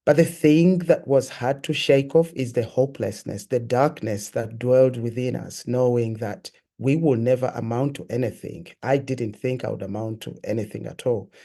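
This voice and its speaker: A man from Uganda, a guest sharing his life story in an interview, telling it in a reflective, earnest and measured way. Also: mid-range voice, fairly even intonation, warm tone. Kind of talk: personal testimony in an interview.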